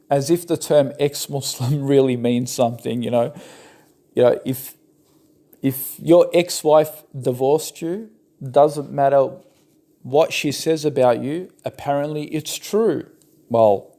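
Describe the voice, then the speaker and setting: A man's voice: mid-range voice, warm tone. A young man from the West with a Turkish background, giving argumentative, sarcastic rebuttal commentary. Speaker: religious commentator.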